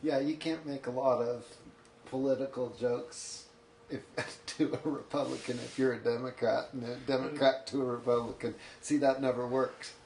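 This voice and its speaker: A man, a coach who trains athletes, talking in a relaxed, matter-of-fact way as a podcast guest in his home office. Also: medium pitch, normal speed, echoey room, slight background noise. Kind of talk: casual podcast conversation.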